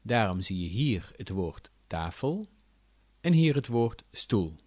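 A man from the south of the Netherlands with a southern Dutch accent, giving a clear, deliberate scripted lesson. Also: fairly low pitch, dry recording, clean studio sound. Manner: clear, deliberate explanatory delivery with lively intonation. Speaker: language teacher. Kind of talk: scripted educational narration.

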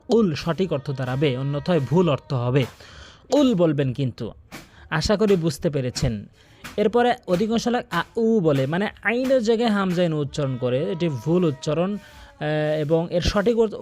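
A man's voice: a little high, darkish tone. A man teaching Quran pronunciation in a video lesson, earnestly repeating corrections and stretching out practice words.

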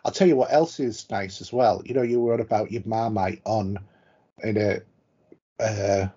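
A man's voice: on the low side, moderate pace, warm tone, slightly rough. A man, chatting casually as a podcast co-host and cracking dry jokes. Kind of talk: casual chat. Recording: dull lo-fi podcast audio.

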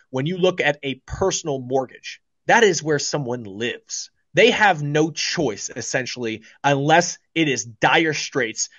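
A confident man in his 30s, a guest in a small indoor studio with a branded backdrop, chats casually about investing. He speaks emphatically at a medium pitch with a fairly bright tone, repeating words for stress. His boom-arm studio mic feeds a video call, so the audio is dry and slightly dull.

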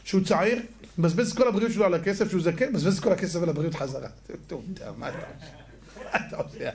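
A male rabbi delivering a lesson through stories, his voice sitting fairly high. He talks animatedly, throws rhetorical questions at his listeners and acts out the people he quotes. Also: expressive, a little mellow. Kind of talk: storytelling Torah lesson.

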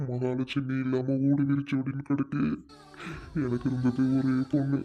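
A man's voice: mid-range voice, completely flat delivery, moderate pace, muffled recording, close to an everyday voice. A man playing a grieving, widowed old father who laments his lost daughter, in an amateur family drama. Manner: lamenting, mournful complaint.

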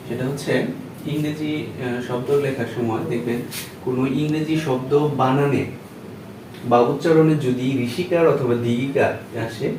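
A man's voice: mid-range voice, background noise. Man teaching in an echoey room. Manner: patient, repeats steps with quiz-like questions. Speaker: shorthand teacher. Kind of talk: classroom lesson. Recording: echoey room, voice far from mic.

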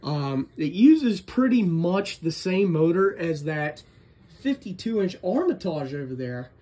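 A man who collects ceiling fans narrates a casual, unscripted show-and-tell vlog. His high-pitched, warm voice is very animated yet unhurried, and he talks in a chatty, rambling, enthusiastic way.

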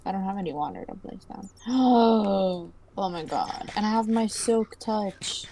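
A young woman chatting while gaming, excitable and giggly, quick to plead and panic. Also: medium pitch, a little hiss or hum. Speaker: co-player. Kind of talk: casual gaming chat.

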